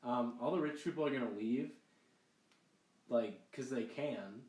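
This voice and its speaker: A young man co-hosting a podcast, chatting about politics in a halting way with many restarts. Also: medium pitch, darkish tone, distant mic. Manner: halting, full of restarts and fillers. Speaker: podcast co-host. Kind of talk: casual political chat. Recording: echoey room, a bit off mic.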